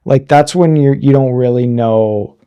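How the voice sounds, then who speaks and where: A man in his thirties with a warm, mellow, mid-range voice chats casually as a podcast co-host, unhurried and smooth. He's frank and a bit crude, cracks jokes, and restarts sentences as he thinks out loud.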